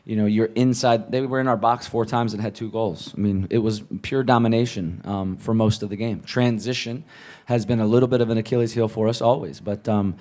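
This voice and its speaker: A man with a lowish, warm, relaxed voice answers questions as head coach at a post-match press conference. He speaks in a measured way, restarting and repeating words as he thinks, picked up close by a table mic on a stand in an indoor press room with a sponsor backdrop.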